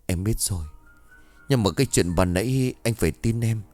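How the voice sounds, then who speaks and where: A man's voice: lowish voice, normal speed, a little mellow, faint music behind, lightly acted. A man voicing a grieving middle-aged mother who speaks in a pleading, shaken way. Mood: anxious.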